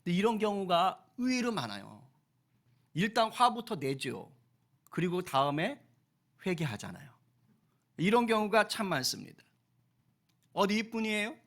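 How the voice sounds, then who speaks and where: A male pastor delivering a Sunday sermon, rising to loud fervent peaks and acting out quoted voices. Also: high voice, big pitch swings, normal speed, long pauses.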